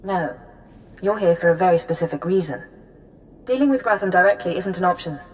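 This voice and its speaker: A woman's voice: fairly low pitch, a little fast, darkish tone, a little hiss or hum, natural voice. An actress playing an efficient intelligence handler, clipped and businesslike as she briefs. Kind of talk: scripted game dialogue.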